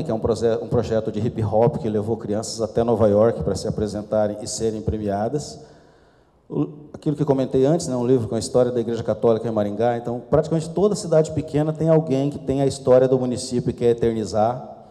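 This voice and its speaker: A man's voice: mid-range voice, brisk, dark tone. A middle-aged man, presenting slides at a conference panel in an informal, self-deprecating way. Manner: informal, self-deprecating asides while walking through slides. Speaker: conference speaker. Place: conference hall. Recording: long hall reverb.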